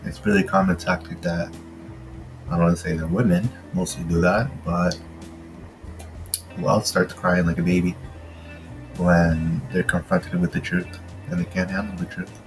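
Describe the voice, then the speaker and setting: A man giving mocking, scornful reaction commentary over a clip he pauses. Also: deep voice, fairly even intonation, over music, poor audio.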